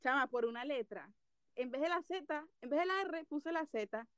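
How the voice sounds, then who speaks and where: A woman's voice: sits high, animated, moderate pace, fairly bright tone, no room sound, clean studio sound. A young woman with a Venezuelan accent, chatting casually and insisting her answers count in a word game.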